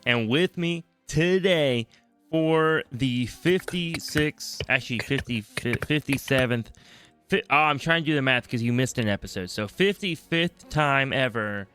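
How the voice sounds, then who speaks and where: A man's voice: mid-range voice, a little slow, fairly bright tone, faint music behind. A man with a Northeastern US accent, hosting a casual gaming podcast with a groggy just-woken voice, joking and rambling and repeating himself. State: groggy morning voice. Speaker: podcast host. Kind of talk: casual chat.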